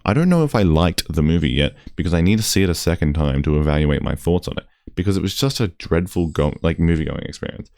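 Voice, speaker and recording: A man's voice: low-pitched, mellow, no echo, clean studio sound. A young man, ranting casually in a vlog, exasperated and swearing often. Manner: exasperated, swears often, mimics crowd voices. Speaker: YouTuber.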